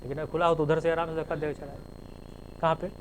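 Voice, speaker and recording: A man's voice: fairly high pitch, flat delivery, quick pace, a little hiss or hum, poor audio. A male teacher giving a classroom lecture, spelling terms out letter by letter and explaining with everyday examples.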